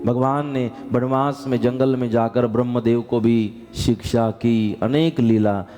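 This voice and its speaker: Slow, fervent man telling a devotional story. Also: steady tone, mellow. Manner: dramatic, rising to fervent high calls. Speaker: katha preacher. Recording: music playing behind.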